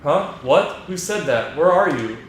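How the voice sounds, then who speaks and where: A man's voice: fairly high pitch, animated, moderate pace, very echoey, a little hiss or hum, voice pushed up, natural voice. A man voicing a polite, curious young princess while reading game dialogue aloud. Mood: bright.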